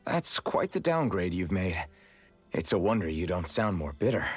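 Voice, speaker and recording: An actor playing an earnest young male freedom fighter and former slave in a game, speaking frankly with a husky voice. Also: low voice, big pitch swings, normal speed, faint music behind, full character voice. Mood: reflective. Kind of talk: game character dialogue.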